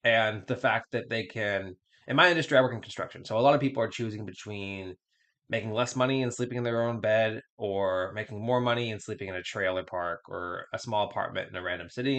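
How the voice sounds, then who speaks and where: A man's voice: fairly low pitch, a bit bright. A man hosting a podcast, giving candid, blunt advice in a casual chatty way, often repeating words as he restarts. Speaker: podcast host.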